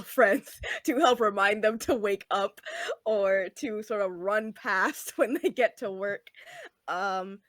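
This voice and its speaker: A woman's voice: mid-range voice, dry recording, studio quality. A woman playing a tabletop role-play game, hesitantly describing her character's routine. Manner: hesitant, with many fillers. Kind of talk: casual in-character scene narration.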